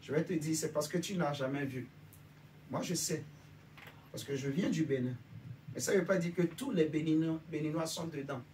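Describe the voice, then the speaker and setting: A man from Benin preaches to a congregation at a moderate pace, his voice a little high and slightly mellow. Informal and conversational, he often checks that listeners follow and agree with him, captured on a distant mic with faint background noise.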